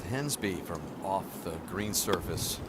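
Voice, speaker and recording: A male golf commentator with a low voice. He sets up each shot in live tournament commentary, with music audible behind him. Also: expressive, unhurried.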